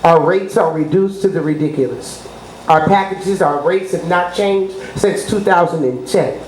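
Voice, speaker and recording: The middle-aged woman's voice sits lowish and a little mellow, moving at a moderate pace. In her promotional interview as a radio personality she boasts with emphasis and often pauses for rhetorical checks on the listener's understanding. A roomy echo and clear background noise are present.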